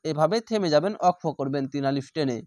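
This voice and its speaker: A man teaching Quran reading in a slow lesson, spelling out each letter and vowel mark syllable by syllable and drawing out the sounds. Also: on the high side, a little mellow, dry recording, clean studio sound, faint music behind.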